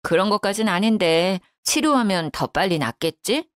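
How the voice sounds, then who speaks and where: A woman's voice: mid-range voice, lively intonation, moderate pace, no echo, studio quality, lightly acted. A woman voicing a grumbling older widowed mother-in-law who talks bluntly and reproachfully. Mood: sulky.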